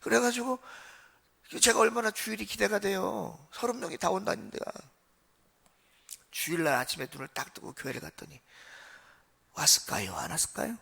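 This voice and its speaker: Gravelly, bright-voiced pastor. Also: male voice, sits high, normal speed. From Seoul. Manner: conversational storytelling, addresses the congregation. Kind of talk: sermon. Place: church sanctuary.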